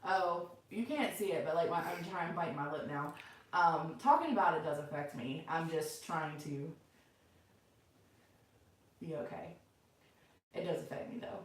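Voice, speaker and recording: A woman's voice: low-pitched, expressive, a little slow, pauses often. A middle-aged woman chatting casually and unscripted to viewers as the host of a livestream from home. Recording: very echoey room, far from mic.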